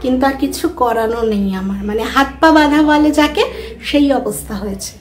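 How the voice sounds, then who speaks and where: High-voiced woman chatting casually. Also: fairly quick, slight background noise. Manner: chatty, rambling, thinking aloud. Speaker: lifestyle vlogger. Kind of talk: casual chat to camera. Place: at home.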